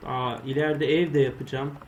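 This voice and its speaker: A young man casually commenting on his own gameplay, muttering to himself and swearing or shouting when startled. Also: medium pitch, little pitch movement, fairly quick, highs cut off. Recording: faint background noise.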